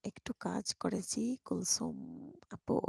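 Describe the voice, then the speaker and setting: Woman streamer, quiet bedside live chat, husky dark voice, dry close mic. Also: mid-range voice, slow pace, dry recording. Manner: speaks softly and quietly so a sleeping baby stays asleep. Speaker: live streamer greeting viewers. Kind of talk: casual live chat, reading comments. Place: bedroom, lying on the bed beside her baby. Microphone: microphone.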